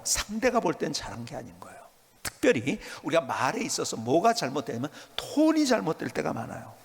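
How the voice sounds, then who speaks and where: A male pastor preaching a sermon, emphatic and animated, at times dropping to a soft whisper. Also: fairly high pitch, breathy edge, long reverb tail.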